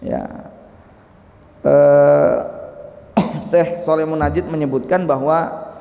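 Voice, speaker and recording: A man's voice: on the high side, a little mellow. A male preacher giving a conversational mosque study sermon, often ending phrases with "ya" and acting out examples. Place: mosque hall. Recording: echoey mosque hall reverb.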